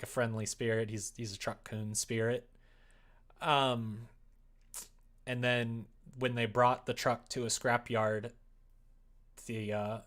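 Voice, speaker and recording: A man with a lowish, fairly bright voice chats casually on a livestream from indoors at home while he works on a visual novel. He thinks aloud, rambling and hesitant.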